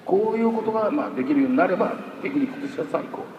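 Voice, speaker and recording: Man, chatty storyteller on stage, slightly high voice, roomy live-venue sound with light hiss. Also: rapid-fire, lo-fi sound. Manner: chatty, storytelling, lively pitch swings. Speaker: voice actor guest at a talk show. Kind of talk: casual stage talk. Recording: echoey hall, far from the mic, faint hiss.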